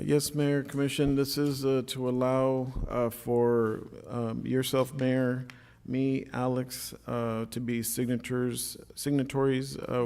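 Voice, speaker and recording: A man with a gravelly voice and little variation in pitch reports to a public meeting as a city official. He is hesitant, pausing often as he explains. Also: mellow. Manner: hesitant, halting. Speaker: city official addressing commissioners.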